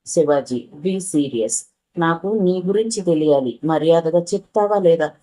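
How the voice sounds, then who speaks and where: A woman's voice: deep voice, lively intonation, unhurried, mellow. A woman voicing a stubborn young woman from a wealthy house who keeps pressing for the truth. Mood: demanding. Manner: demanding, pressing questions.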